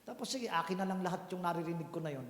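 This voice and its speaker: High-voiced pastor in an echoey hall. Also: male voice, animated, rapid-fire. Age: 50s. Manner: conversational preaching, rhetorical questions to the congregation. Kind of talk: sermon. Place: church hall.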